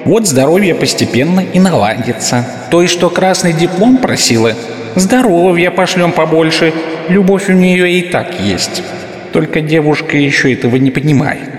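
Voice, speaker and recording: A man voicing a wise, gentle snow angel in an audiobook, speaking softly and without hurry. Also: a little high, animated, normal speed, lightly acted. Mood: calm musing. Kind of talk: audiobook character reading. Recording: reverberant hall with faint music.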